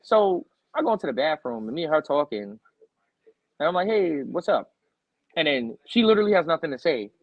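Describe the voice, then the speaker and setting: Animated profane man ranting loudly. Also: a little high, quick pace, no echo, muffled recording. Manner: animated, profane, loud outbursts acting out quotes. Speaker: podcast host. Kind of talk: casual storytelling rant.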